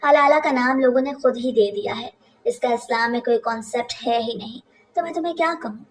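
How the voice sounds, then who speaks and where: A woman's voice: a little high, brisk, recorded from a distance, close to an everyday voice. A woman voicing a devout young religious teacher who lectures her friend firmly and emphatically in a story reading. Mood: earnest. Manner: preachy, emphatic.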